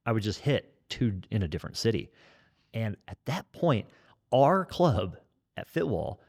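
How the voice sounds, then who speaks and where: Nasal guy in his 40s, kinda low voice, over-explains everything on a podcast. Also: a little mellow. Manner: talkative, over-explaining, joking. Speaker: kettlebell trainer and fitness educator. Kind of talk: casual podcast conversation.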